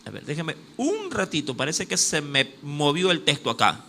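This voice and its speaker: A man's voice: a little high, moderate pace, creaky, slight background noise. A man with a coastal Ecuadorian accent preaching a sermon, calling listeners "my beloved" and stopping now and then to look up verses. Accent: Ecuadorian coastal (Guayaquil). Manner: animated preaching, addresses listeners as "mi amado"; acts out exclamations, stops to look up verses. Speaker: pastor.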